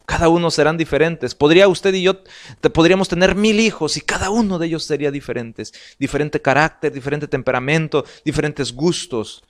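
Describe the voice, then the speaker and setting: A man with a Salvadoran Spanish accent giving an earnest family life sermon, reading slides aloud and repeating words as he goes. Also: fairly high pitch. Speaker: pastor.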